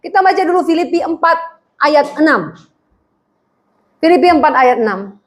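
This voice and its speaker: A woman's voice: high-pitched, moderate pace, background noise. A middle-aged woman pastor preaching a sermon, joking and acting out little quoted prayers and stories. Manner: humorous, animated storytelling with acted-out quotes.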